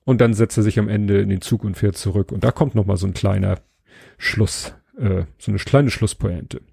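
A man hosting a podcast, giving a relaxed, casual spoken book review and pausing to search for words. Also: lowish voice, gravelly, breathy edge, dry recording, clean studio sound.

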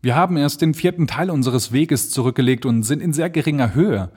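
A man's voice: fairly high pitch, expressive, brisk, a little mellow, slightly rough, pitched above the performer's own voice. Man doing a desperate, resolute balloonist. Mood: urgent. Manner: urgent commands in a raised voice.

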